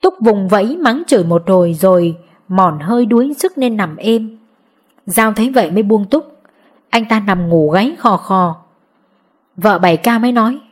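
Woman narrating an audiobook steadily. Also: a little high.

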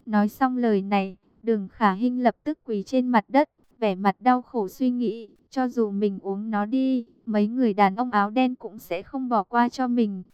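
A woman reading a romance novel aloud as an audiobook narrator, in an even, measured way, keeping her own voice for the quoted lines. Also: a little high, clear, resonant tone, no room sound, dull audio.

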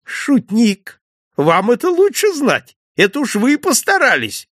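A man voicing a chatty, jovial male village innkeeper in an audiobook, pitching his voice up and sounding excitable. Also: normal speed, breathy edge, no room sound, clean studio sound, heavily acted. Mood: teasing.

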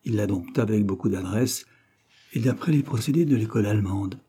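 Dark husky male audiobook narrator. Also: on the low side, a little fast. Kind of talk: scripted narration.

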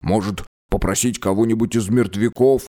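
A man voicing an eager, bold young male apprentice in an audiobook reading, with slow, enthusiastic speech. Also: on the low side, steady tone, dark tone, no room sound, clean studio sound, close to an everyday voice.

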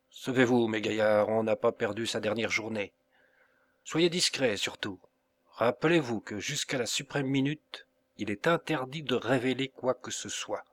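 A man voicing a proud, temperamental middle-aged sculptor in a storybook reading, commanding and loud. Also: medium pitch, no room sound.

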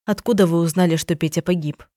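A woman reading the lines of a calm, firm woman detective who talks quietly and gently in an audiobook. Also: fairly low pitch, fast, no room sound, studio quality, close to an everyday voice. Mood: gentle. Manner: quiet and gentle, turning stern. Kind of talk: audiobook dialogue.

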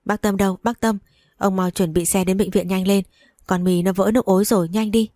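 A woman reading a story aloud, voicing a caring middle-aged mother-in-law who soothes and urges gently. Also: mid-range voice, fairly even intonation, a little fast, no echo, clean studio sound, lightly acted. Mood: soothing.

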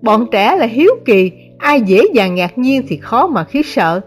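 A woman narrating a translated novel as an audiobook, in a measured, dramatic reading. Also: a little high, animated, husky, soft background music. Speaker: audiobook reader.

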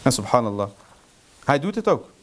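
A man's voice: medium pitch, sing-song, moderate pace. A man lecturing on history, telling it as a story with rhetorical questions and getting heated and indignant. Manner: sprinkles Arabic phrases into speech.

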